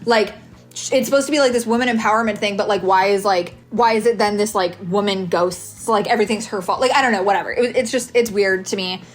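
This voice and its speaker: A woman giving casual, opinionated vlog commentary on books in an animated, emphatic way, with music behind her. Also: medium pitch, fast. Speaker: book reviewer with a video channel.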